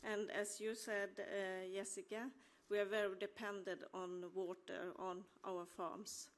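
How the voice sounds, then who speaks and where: A dairy farmer from Sweden's west coast puts a question to a panel in English, her Swedish accent clear. Her medium-pitched voice stays level and unhurried, though she pauses often to search for the right words.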